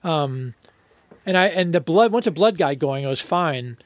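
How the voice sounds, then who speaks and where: A middle-aged man telling casual stories in an interview, animated and laughing as he talks. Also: on the high side, moderate pace, no echo. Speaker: band member telling stories. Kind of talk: casual conversational storytelling.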